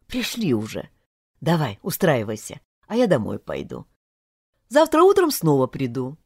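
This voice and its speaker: A woman reading an audiobook, voicing a caring, somewhat awkward young man in a lowered, soft voice. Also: huge pitch swings, normal speed, husky, no room sound, studio quality, exaggerated voice. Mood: gentle. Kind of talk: audiobook character voice.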